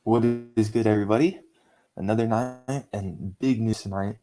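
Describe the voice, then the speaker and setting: A man with a very low voice hosting a casual sports podcast. He talks in a relaxed, easygoing way while he walks through the news. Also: normal speed, faint music behind. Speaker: podcast host.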